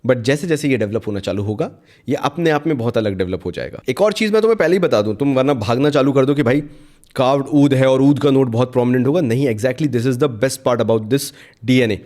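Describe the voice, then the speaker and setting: A man's voice: medium pitch, fairly quick. Chatty man mixing Hindi and English. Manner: chatty Hindi-English code-mixing, animated, addresses viewer directly. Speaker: fragrance reviewer. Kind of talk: casual chat.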